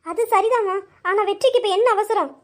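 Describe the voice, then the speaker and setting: A woman voicing a reserved, firm older mother-in-law in an amateur audio drama. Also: very high voice. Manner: measured, refusing.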